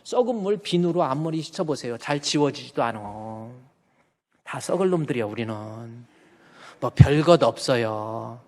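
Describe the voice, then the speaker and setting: A male pastor in his fifties giving a folksy, animated sermon, acting out stories from family life. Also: mid-range voice, normal speed. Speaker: senior pastor. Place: church sanctuary. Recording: church hall reverb.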